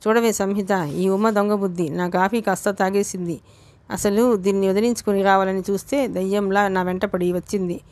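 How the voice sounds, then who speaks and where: A woman voicing a loud, quarrelsome young woman who shouts fast complaints in an audiobook. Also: medium pitch, steady tone, lightly acted. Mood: angry.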